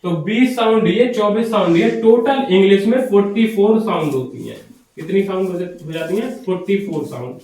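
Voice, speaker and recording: A man's voice: sits high, fairly quick, dark tone, recorded from a distance. A man teaching an English grammar class, explaining step by step and often asking and then answering his own questions. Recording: very echoey room, voice from afar.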